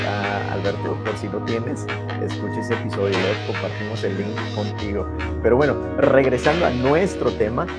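A man hosting an interview, asking gentle questions and often adding a tag question. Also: mid-range voice. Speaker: podcast host.

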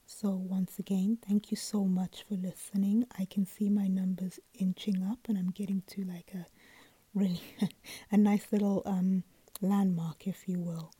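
A sleepy woman hosting her own podcast, chatting casually in a soft whisper with lots of ums and restarts, close to the mic. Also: mid-range voice, flat delivery, measured pace, slightly rough, no room sound. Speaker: podcast host. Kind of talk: casual solo podcast chat.

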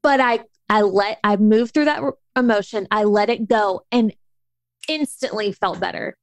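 A young adult woman telling a story in a casual, animated chat, with lots of restarts. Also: mid-range voice, moderate pace, no room sound. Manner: animated, chatty, many restarts.

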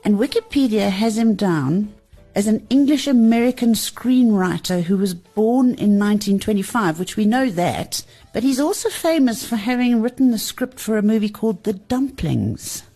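A woman's voice: medium pitch, expressive, moderate pace, mellow, breathy edge, soft background music. A middle-aged woman hosting an interview show, chatting playfully and laughing often. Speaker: podcast host.

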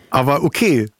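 A man's voice: a little high, fairly bright tone, no echo. A middle-aged man with a Berlin accent, hosting a podcast interview in a blunt, teasing way and often cutting in. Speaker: podcast host. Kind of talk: casual interview chat. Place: podcast studio.

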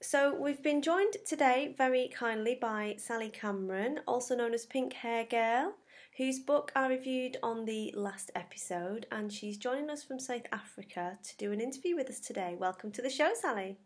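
A woman's voice: fairly high pitch, normal speed. A woman talking casually as the host of a podcast. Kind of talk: casual podcast review and interview.

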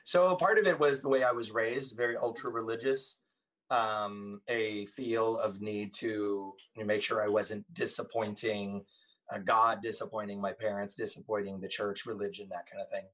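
A man's voice: fairly low pitch, fairly even intonation, moderate pace, fairly bright tone, poor audio. A man in his forties whose first language is Thai, a guest talking casually in an interview, rambling with lots of ums and restarts. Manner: rambling with frequent ums and self-corrections.

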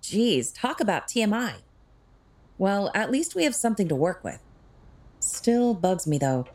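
In an audio drama, a woman with a medium-pitched, sing-song voice and a darkish tone plays a witty, sarcastic tech expert who fights crime. Her manner is wry and quick-witted, and her mood comes across as teasing and dry.

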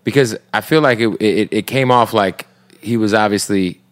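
A man's voice: on the low side, normal speed. A man hosting a casual podcast interview, laid-back with short agreeing replies and questions. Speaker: podcast host.

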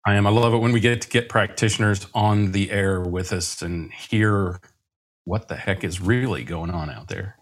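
Laid-back guy co-hosting a podcast, kinda low voice, jokey. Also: normal speed. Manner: easygoing, joking. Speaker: podcast co-host. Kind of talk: casual interview chat.

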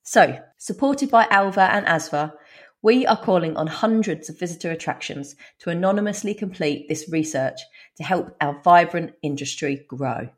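A woman with a twangy Essex accent hosting a podcast solo, speaking directly to listeners in an informal, self-deprecating, chatty way. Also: fairly low pitch. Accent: Essex, England. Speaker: podcast host.

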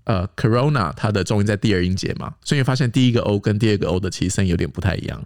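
Fast-talking man explaining. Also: on the low side, darkish tone. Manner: explains pronunciation patiently, spells words out. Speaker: podcast host teaching English. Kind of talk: casual podcast chat.

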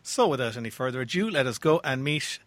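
A man's voice: medium pitch, animated, quick pace, a bit bright, dry recording. An Irish-accented man presenting a radio quiz show as its host. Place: radio studio.

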